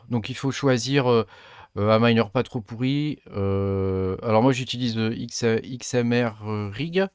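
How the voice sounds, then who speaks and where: A man walking viewers through a software tutorial in a casual, hesitant way, with many fillers as he clicks along. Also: lowish voice, dry recording, studio quality. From France. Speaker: crypto mining tutorial host. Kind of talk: casual screen-recorded tutorial.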